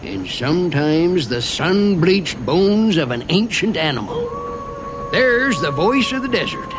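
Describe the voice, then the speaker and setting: A man's voice: on the high side, big pitch swings, a little slow, over music, low-quality recording. A man playing a folksy, wry Old West mining train guide, drawling in a rural Western American accent as he narrates a theme park ride. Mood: folksy storytelling. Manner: drawling, folksy dialect with chuckles.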